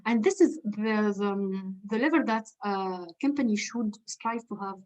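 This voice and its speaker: A woman's voice: mid-range voice, unhurried, a little mellow, poor audio. A woman leadership coach giving a lecture, explaining step by step and repeating her key questions for emphasis. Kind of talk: webinar lecture.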